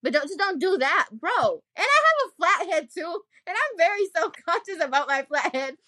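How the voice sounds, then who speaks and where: A young woman with a high, bright voice that swings up and down as she talks, blunt and animated, laughing easily through casual podcast chat. Dry, close sound. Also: moderate pace, no room sound. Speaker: podcast co-host.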